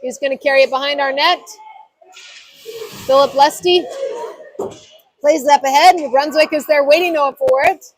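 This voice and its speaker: A woman with a high voice gives live hockey commentary. She calls the play in short, clipped phrases as a play-by-play announcer. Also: normal speed, pauses often, no room sound, low-quality recording.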